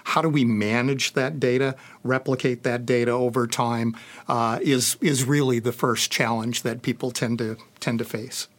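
A man's voice: medium pitch, fairly even intonation, moderate pace. A man speaking as a panelist in a discussion, hesitant, with many fillers and restarts. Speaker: panelist on insurance analytics.

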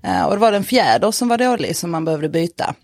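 Animated chatty woman telling a story. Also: fairly low pitch, creaky, dry recording, clean studio sound. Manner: animated, full of fillers, swears freely. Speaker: podcast guest telling a story. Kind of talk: casual storytelling chat.

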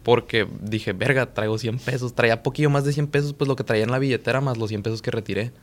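A man's voice: medium pitch, fast. A young man with a Mexican Spanish accent, casually telling a long, profane story on a podcast and acting out the lines of the people in it. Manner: slangy, profane, rambling, quotes himself and others. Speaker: podcast co-host.

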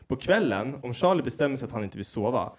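Rambling, swearing young dad on a podcast. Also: male voice, medium pitch, husky. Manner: rambling, animated, swearing storyteller. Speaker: podcast co-host. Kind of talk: casual chat.

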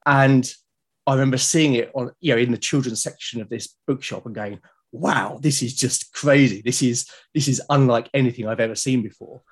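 Appearing as a podcast guest, a British illustrator in his forties speaks in a mid-range voice at a moderate pace. His casual interview chat is reflective and enthusiastic.

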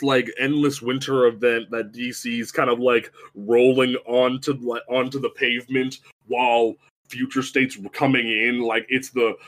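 Casting note: male podcast co-host, mid-pitched, loose and rambly, full of "like" and restarts. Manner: rambling, many fillers and restarts, animated asides. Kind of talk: casual chat.

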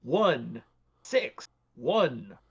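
A man's voice: medium pitch, sing-song, extremely slow, over a noisy crowd. A man chatting casually as a tabletop game player, on a dull, lo-fi microphone. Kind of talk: casual chat.

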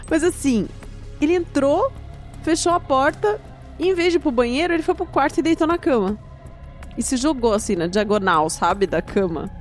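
A woman telling a story in a casual chat, animated and often laughing. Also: sits high, moderate pace, long pauses, soft background music. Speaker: storyteller guest.

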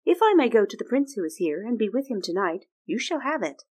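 A woman's voice: a little high, big pitch swings, a little fast, darkish tone, voice pushed up. A woman voicing a brave, determined young girl who speaks steadily and earnestly in a fairy-tale reading.

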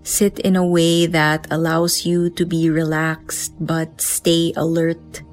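Filipino accent lady doing guided meditation, calm n gentle, really slow talking, kinda low voice. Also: soft background music. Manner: calm, gentle instructing with unhurried pauses. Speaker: meditation teacher.

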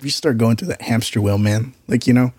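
Male podcast co-host, soft-edged mellow tone, medium pitch, reflective casual chat with slang. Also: a little fast, slightly rough, dry recording.

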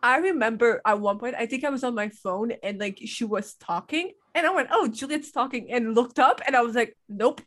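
A woman with a French Canadian accent chats as a podcast co-host in a fairly high voice. She talks in an animated way, filling her sentences with "like" and swearing freely. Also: a little fast, hardly any pauses. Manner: animated, swears casually, lots of "like". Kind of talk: casual chat.

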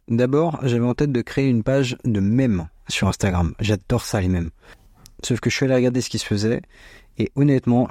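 A man's voice: medium pitch, dark tone, no room sound, clean studio sound. A young man of about twenty hosting a podcast, delivering a scripted but chatty monologue with informal slang, recorded on a small microphone in a bedroom. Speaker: podcast host. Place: small bedroom at parents' home, dry sound. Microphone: small home microphone.

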